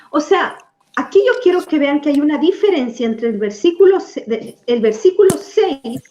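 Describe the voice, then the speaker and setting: A woman preacher teaching from the Bible in a lively, conversational way, asking her audience questions. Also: high voice, roomy sound, a little hiss or hum.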